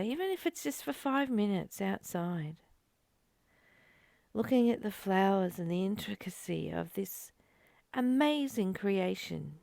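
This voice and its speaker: In a creaky mid-range voice recorded at studio quality with no echo, a woman reads and comments on a spiritual teaching. She's reflective and earnest, gently urging her listeners in brief phrases broken by pauses.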